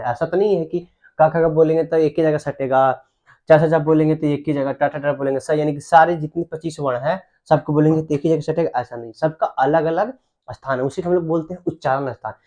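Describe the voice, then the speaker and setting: A man's voice: fairly high pitch, a little mellow. A man teaching grammar as a lesson. He asks questions and answers them himself, and he repeats key terms to drill them. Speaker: Hindi teacher.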